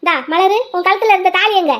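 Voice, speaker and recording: A woman voicing a sharp-tongued, bossy mother-in-law in a cartoon, scolding as she talks. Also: very high voice, fast talker. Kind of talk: cartoon voice acting.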